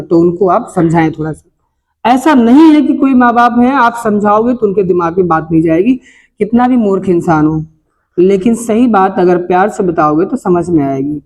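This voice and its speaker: A middle-aged man with a north Indian accent lectures a classroom of students. His voice sits high for a man as he moralizes earnestly and throws rhetorical questions at the class. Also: a little mellow. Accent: Hindi, north Indian. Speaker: coaching teacher. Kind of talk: classroom life advice talk. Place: coaching classroom.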